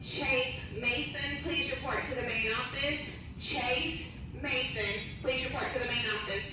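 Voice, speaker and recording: A woman making a slow, even announcement over a school intercom loudspeaker, heard in a classroom. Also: sits high. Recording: echoey distant PA speaker with room noise.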